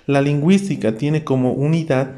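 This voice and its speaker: A man's voice: a little high, fairly even intonation, normal speed, mellow. A young man with a Bolivian Spanish accent, teaching an online pre-university class, explaining step by step and often checking in with his students.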